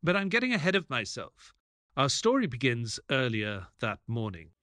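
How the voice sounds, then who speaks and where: A man playing a mild, earnest doctor who narrates his detective tale in a measured, polite audio play style. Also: medium pitch, wildly swooping pitch, pushed and bright, a little hiss or hum. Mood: reflective. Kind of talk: dramatic first-person audio play narration.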